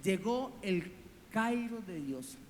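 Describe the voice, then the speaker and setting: A male pastor preaching a revival sermon, impassioned and swinging between loud and hushed. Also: sits high, animated, takes it slowly. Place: church. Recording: church hall reverb with music.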